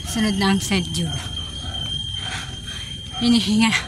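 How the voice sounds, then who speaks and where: A woman's voice: medium pitch, slow pace. A woman narrating her uphill walk for a casual vlog, out of breath and chatty. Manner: chatty, narrates her walk, turns loud and excited greeting family. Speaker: vlogger. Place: outdoors on a street. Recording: loud street noise behind.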